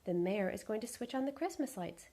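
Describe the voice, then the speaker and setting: A woman voicing a quiet gentle girl. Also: mid-range voice, lively intonation, brisk.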